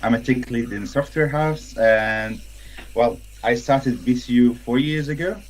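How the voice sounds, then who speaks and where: A man's voice: mid-range voice, measured pace, low-quality recording. A man from Syria introducing himself as a panel guest over a video call, hesitant and correcting himself.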